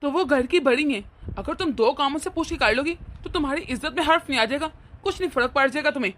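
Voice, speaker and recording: A woman voicing a mild-mannered husband in an animated cartoon, speaking in a placating, reasonable way. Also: sits high, quick pace. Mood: explaining.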